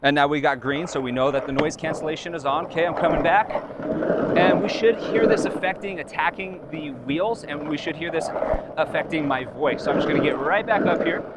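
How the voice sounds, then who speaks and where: A man's voice: a little high, brisk. A man reviewing wireless microphones while skateboarding in a park, talking in a rambling, friendly way, his voice heard through the mic's noise cancellation with noise reduction artifacts. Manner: rambling, friendly explanations with restarts. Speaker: tech reviewer testing wireless mics. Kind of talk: casual vlog demonstration. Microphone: wireless lapel mic on a body pack.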